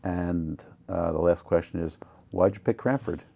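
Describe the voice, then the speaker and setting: A male host with a very deep, gravelly voice and a dark, mellow tone. He asks his questions haltingly, with many fillers and restarts. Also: dull audio. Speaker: TV show host. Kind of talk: casual interview talk.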